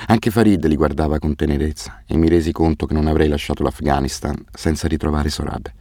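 A man reading a novel aloud in the first person, measured and sober. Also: extremely low pitch, steady tone, warm tone, dry recording, clean studio sound. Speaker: audiobook narrator.

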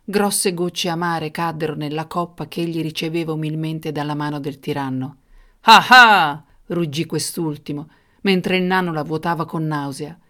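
A woman narrating a story in a measured, expressive reading. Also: low-pitched. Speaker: audiobook narrator. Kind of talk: scripted narration.

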